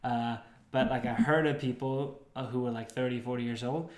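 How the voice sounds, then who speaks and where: A man's voice: mid-range voice, moderate pace. Young Swedish man chatting in a roomy echo. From Sweden. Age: young adult. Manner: animated, repeats words when starting sentences. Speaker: podcast co-host. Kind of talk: casual chat. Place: living room at a table. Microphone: desk mic.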